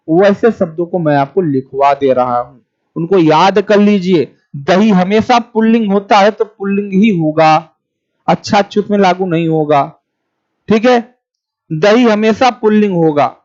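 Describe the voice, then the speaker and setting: Male online teacher, higher voice, slow dictation with repeats, casual asides to viewers, muffled sound. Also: a little mellow. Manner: chats with viewers' comments. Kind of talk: live-streamed exam class. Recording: dull lo-fi sound.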